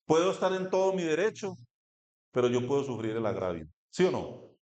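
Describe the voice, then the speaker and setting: A man with a Colombian Spanish accent delivers a sermon in a medium-pitched, sing-song voice that is fairly quick and darkish in tone. He reads from scripture and questions the congregation, and the church hall sounds echoey.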